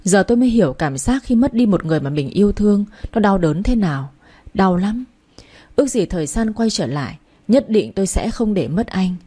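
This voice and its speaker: A woman narrates a story in the first person. Her voice is mellow and warm. She reads steadily, softly and earnestly. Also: mid-range voice, animated, fairly quick, slightly rough.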